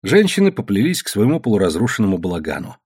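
Husky male storyteller. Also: fairly low pitch, huge pitch swings, quick pace, a little mellow. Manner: dramatic storytelling. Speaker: narrator. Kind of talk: audiobook narration.

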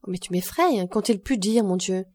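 A woman's voice: mid-range voice, normal speed, warm tone, no echo, natural voice. A woman reading an audiobook, voicing an earnest young woman who speaks anxiously and affectionately to her grandfather. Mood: pleading.

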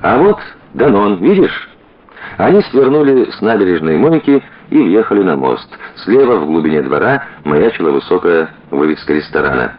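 Male audiobook narrator; low voice, expressive lively reading, dull lo-fi recording. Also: brisk, hardly any pauses.

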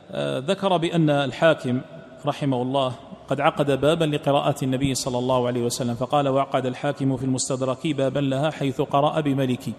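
A man teaching a text line by line, repeating phrases and trailing off into a low murmur at the ends of sentences. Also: a little mellow. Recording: long hall reverb.

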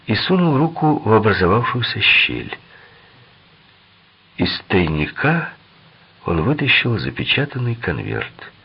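A man narrating a crime novel audiobook in an expressive, dramatic reading. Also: medium pitch, husky, dull audio.

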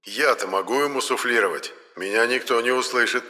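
A man's voice: mid-range voice, fairly quick, bright, forceful tone, long reverb tail, close to an everyday voice. A man voicing a quarrelsome, fussy male ghost who hisses and grumbles. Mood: grumbling. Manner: hissing, grumbling.

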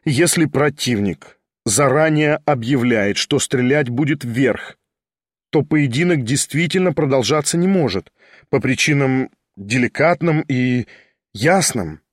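Guy doing a reserved earnest second, measured and careful. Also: fairly high pitch, no room sound, studio quality, close to an everyday voice. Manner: measured, effortful.

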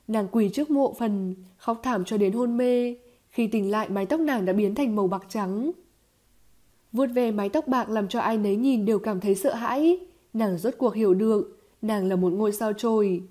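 A woman giving scripted audiobook narration of a novel in an even, steady storytelling manner. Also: on the high side.

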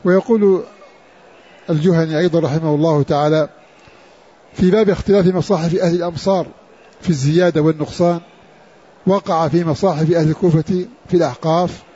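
A man teaching a slow, scholarly lesson on Quran orthography. He speaks in a measured way and repeats key words for emphasis. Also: a little high, steady tone, mellow, slightly rough. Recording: dull lo-fi recording.

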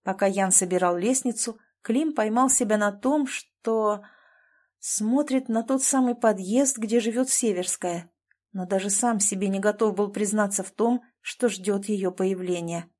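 Female audiobook narrator, measured expressive reading, mid-pitched.

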